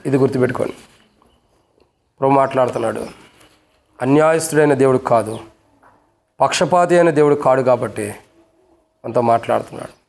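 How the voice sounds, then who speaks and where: A man's voice: mid-range voice, creaky, darkish tone. A man preaching a fervent sermon as pastor at a church service. He hammers the congregation with repeated rhetorical questions and stern warnings. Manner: scolding, warning tone.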